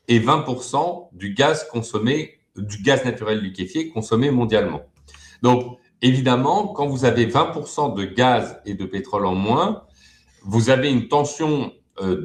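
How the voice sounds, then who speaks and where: A man's voice: lowish voice, reverberant. A man talking as a guest expert in an interview, hesitant, with many fillers and repeated words. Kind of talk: web TV interview.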